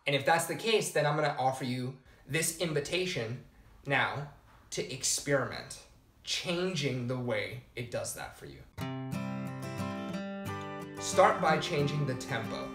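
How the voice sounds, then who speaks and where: A man giving a calm, explanatory coaching lesson to camera, checking in with the viewer as he goes. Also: mid-range voice, measured pace, pauses often, over music. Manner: calm, explanatory, addresses the viewer directly with "okay?". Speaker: personal development coach. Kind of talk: instructional talk to camera. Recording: roomy echo.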